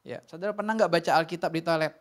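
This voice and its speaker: Animated preacher. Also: male voice, fairly high pitch, rapid-fire. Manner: animated preaching, swinging from loud calls to soft near-whispers. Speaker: pastor. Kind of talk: sermon. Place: church sanctuary.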